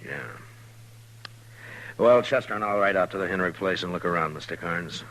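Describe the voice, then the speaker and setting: An actor playing a calm, authoritative frontier marshal in a 1950s radio western, with an American accent and a dry, measured delivery. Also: male voice, deep voice. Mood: businesslike, sober. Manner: laconic, measured. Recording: slightly noisy old radio recording.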